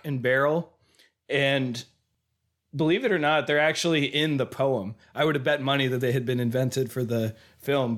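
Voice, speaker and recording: A congested American man in his thirties, down with a cold and losing his voice, co-hosts a loose, joking film-discussion podcast. His voice sits in the mid-range with a slightly bright quality.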